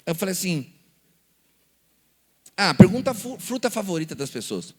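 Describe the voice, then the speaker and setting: A Brazilian Portuguese-accented pastor teaches a lively church seminar, telling stories, acting out dialogues and asking rhetorical questions. His high voice is sing-song, a little mellow and husky, at a moderate pace. The sound carries the feel of a big room.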